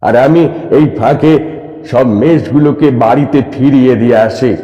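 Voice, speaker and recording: An actor playing a crazed, impassioned patriotic shepherd in a hammy, declamatory Bengali folk-theatre monologue, with repeated cries and dramatic pauses. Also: male voice, mid-range voice, close to an everyday voice. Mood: agitated, urging. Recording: dull, echoey hall-like stage recording.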